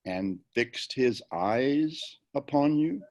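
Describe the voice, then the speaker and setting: A man playing Hamlet, a grieving, brooding young prince, in a Shakespearean dramatic reading over a video call, with deliberate theatrical phrasing. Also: mid-range voice, lively intonation, darkish tone, lo-fi sound. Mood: troubled, probing. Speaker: amateur volunteer actor.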